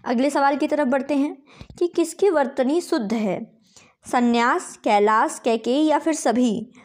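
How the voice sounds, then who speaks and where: A woman's voice: high-pitched, measured pace, darkish tone. A woman tutor going through quiz answers, patiently spelling out words letter by letter and checking in with "okay" often. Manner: patient, repeats "ठीक है" often. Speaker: Hindi exam tutor.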